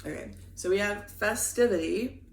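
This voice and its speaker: A woman giving a casual tarot reading in a gentle, reflective way, with her morning voice. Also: mid-range voice, moderate pace, vocal fry, reverberant. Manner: gentle, reflective, reads card meanings aloud. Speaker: tarot reader.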